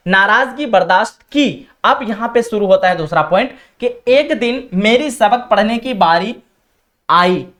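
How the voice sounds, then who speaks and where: A woman's voice: medium pitch, expressive, fairly bright tone. Woman teaching in question and answer. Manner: asks the class a question and answers it herself; explains words by repeating the text slowly. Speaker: Urdu teacher. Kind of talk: classroom-style lesson explanation.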